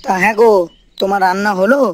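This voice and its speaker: Speaking fast in a mid-range, natural voice, a woman plays a dutiful young married village son in a cartoon, nagging and irritated as he questions and complains. Faint music and slight background noise sit behind her.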